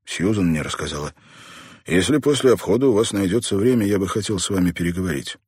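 A man's voice: deep voice, fast talker, a little mellow, slightly rough, no echo, clean studio sound. A man voicing a grumpy older male teacher stuck in a hospital bed, with a wry, grumbling manner.

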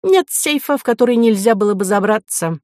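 A woman voicing a petty, suspicious old male professor who speaks in a shrill, whiny tone like an offended child. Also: expressive, brisk, a little mellow, dry recording, studio quality, close to an everyday voice. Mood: peevish.

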